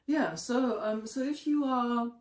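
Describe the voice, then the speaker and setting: A podcast co-host explaining ideas in a measured way, with many filler sounds. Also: medium pitch, recorded from a distance. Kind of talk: conversational podcast discussion. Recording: echoey room, away from the mic.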